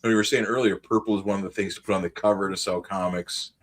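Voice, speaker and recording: A man's voice: low-pitched, steady tone, fast talker. A man hosting a casual podcast chat, rambling and hesitant, often restarting his sentences.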